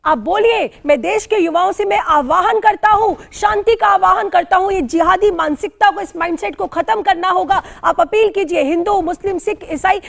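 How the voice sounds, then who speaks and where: A woman's voice: very high voice, vocal fry. A woman panelist in a TV debate, making emphatic appeals. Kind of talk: heated TV debate.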